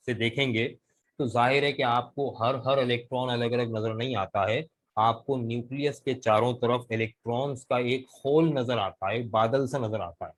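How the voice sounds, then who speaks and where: A man with a Pakistani Urdu accent teaches a live online class over a video call. His voice sits at an ordinary middle pitch, and he explains things patiently, step by step. He keeps pausing to ask his students questions. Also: poor audio. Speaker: English vocabulary teacher.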